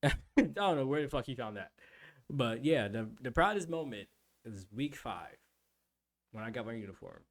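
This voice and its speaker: A man's voice: mid-range voice, animated, normal speed, pauses often. A young adult man streaming, telling a rambling, profane story in casual chat.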